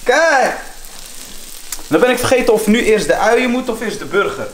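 A man chatting casually in street slang as he cooks, repeating words excitedly. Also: very high voice, moderate pace. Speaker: home cooking vlogger. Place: home kitchen with food sizzling. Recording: roomy kitchen, clear background noise.

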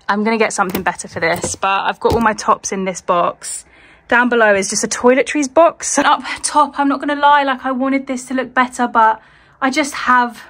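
A woman's voice: on the high side, fairly bright tone, rough recording. A woman chatting casually to her phone camera while sorting her bedroom, rambling and self-deprecating. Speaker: home vlogger. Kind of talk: casual vlog chat to camera. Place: bedroom at home, indoors.

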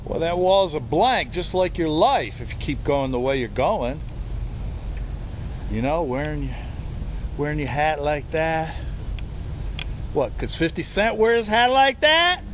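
A middle-aged man delivers a mock-angry comic rant outdoors, lurching from shouting to low grumbling asides. His voice sits high for a man. The recording is outdoors and noisy, with plenty of background noise. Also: lively intonation, measured pace, long pauses. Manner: mock-angry ranting, swinging between shouting and low muttering. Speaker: video host. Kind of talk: comedic rant to camera.

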